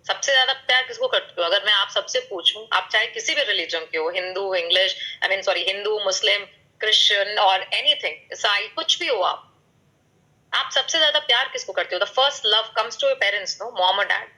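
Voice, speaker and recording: A woman, probably in her thirties, gives a motivational talk at a business meeting, mixing Hindi and English, questioning the audience and using sound words and vivid examples. Her voice is medium-pitched and sharp at a moderate pace, and the audio quality is poor.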